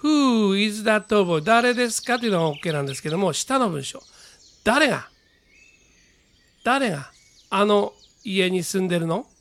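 A man teaching English pronunciation in a chatty lesson, saying example sentences slowly. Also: high-pitched, expressive, a bit bright. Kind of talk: casual spoken lesson.

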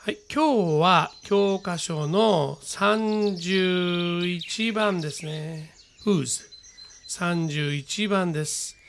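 A man with a Japanese accent teaching a radio-style English lesson, explaining patiently and reading model sentences slowly. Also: high voice, gravelly, slight background noise.

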